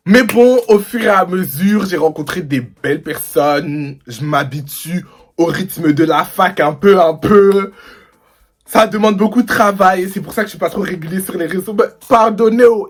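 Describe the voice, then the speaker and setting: Young guy from the paris suburbs, husky voice, slangy storytime vlog. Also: high-pitched. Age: young adult. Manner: animated and slangy, mimics people. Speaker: vlogger.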